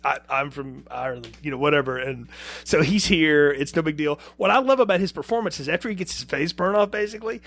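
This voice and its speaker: Guy with a slightly high voice talking movies on a podcast, animated, acts out little lines, lots of restarts. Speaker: podcast co-host. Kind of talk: casual film review chat.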